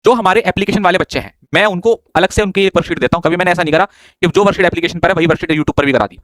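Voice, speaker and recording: A man's voice: high voice, very fast, fairly bright tone, dry recording. A man teaching an online exam-prep grammar class in a chatty way, joking with and scolding his students, speaking English.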